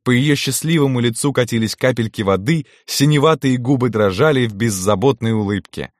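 A man reading a first-person romance story aloud in a calm, intimate storytelling manner. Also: mid-range voice, a little fast, no room sound. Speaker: audiobook narrator.

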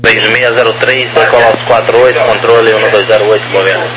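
A man's voice: on the low side, level tone, quick pace. A man working as an air traffic controller, speaking in clipped police-radio style phraseology over a two-way radio. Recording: very noisy crackly aviation radio transmission.

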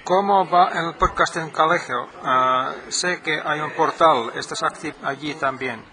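Middle-aged finnish guy, finnish-native, interviewing in careful halting phrasing, busy crowd around. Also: on the high side. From Finland. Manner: careful, slightly broken phrasing. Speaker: podcast host, interviewer. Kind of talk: casual interview.

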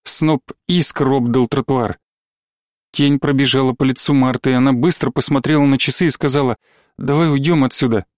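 A man narrating an audiobook story in a measured storytelling manner. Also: medium pitch, steady tone, dry recording, clean studio sound. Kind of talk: scripted narration.

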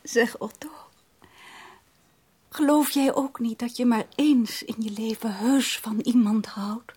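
An actress playing Eline, an emotional, highly strung young woman in a radio drama, often speaking in a soft, breathy whisper. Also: fairly even intonation, slow. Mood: tender whisper. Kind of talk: 1980s radio drama acting.

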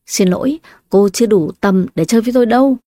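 Brief: calm cutting young wife, mellow and dry, as a woman narrator reads her. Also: mid-range voice, quick pace, dry recording, lightly acted. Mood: cold.

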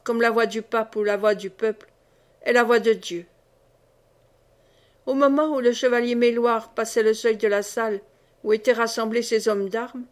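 A woman narrating a classic novel in a measured, expressive reading. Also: fairly high pitch. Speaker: audiobook reader. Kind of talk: scripted narration.

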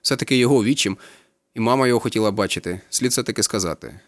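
A man narrating a literary audiobook, brooding and intense, with a rhythmic delivery. He reads at a quick clip, and the sound is close and dry with no room in it. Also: fairly low pitch, no echo. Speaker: audiobook reader.

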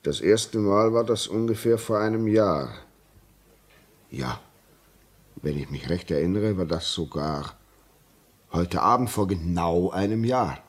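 A lonely signalman in an old radio play, low-voiced and a little husky, speaking slowly and gravely. He is a solitary, self-taught man who is haunted by a ghost, and he sounds weary and brooding. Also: expressive. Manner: slow, grave and brooding, rising when agitated. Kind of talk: classic radio drama acting.

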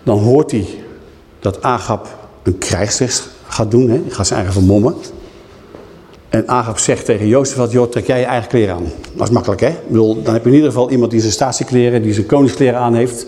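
A man's voice: medium pitch, fairly quick, mellow, slight background noise. A man preaching a sermon in a conversational way, often checking in with his listeners. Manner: conversational, frequent tag questions. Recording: long hall reverb.

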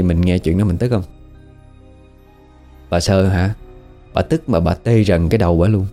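Low-pitched and warm, a man's voice carries a Southern Vietnamese accent as he casually tells a horror story. He speaks conversationally and keeps asking the listener questions.

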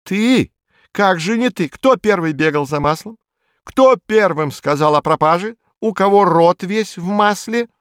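A man's voice: on the high side, measured pace, creaky, few pauses, no echo, studio quality. A man voicing a crafty old fox who questions and accuses others in a raised voice. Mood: accusing.

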